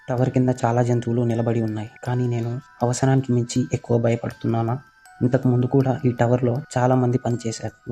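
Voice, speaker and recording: A man narrating a first-person horror story in a steady, monotone voice. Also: mid-range voice.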